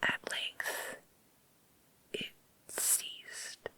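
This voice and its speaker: A woman whispers a story in a creepy ASMR style, breathy and unvoiced. Her delivery is extremely slow and deliberate, with crisp, sharp sibilance, very close and dry on the mic. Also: no room sound. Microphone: close microphone.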